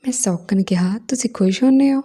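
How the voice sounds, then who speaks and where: A woman's voice: medium pitch, a little fast, mellow, breathy edge, lightly acted. A woman voicing a playful young man who teases his sister-in-law, in a storybook reading. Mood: teasing. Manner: teasing, playful.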